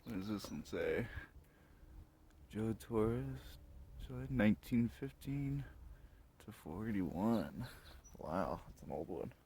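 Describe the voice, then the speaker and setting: His voice sits on the low side, expressive, mellow and husky, with vocal fry and frequent pauses as he takes his time. The vlogger wanders a graveyard at night making casual, broken-up comments, recorded handheld outdoors with noise and clicks.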